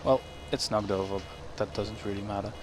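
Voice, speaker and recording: A Dutch-accented gaming YouTuber with a low voice gives casual gameplay commentary at a brisk clip, his intonation fairly even as he rambles, corrects himself, and chuckles often. Game engine noise sits behind his voice, with farm machinery and ambient game sounds in the background.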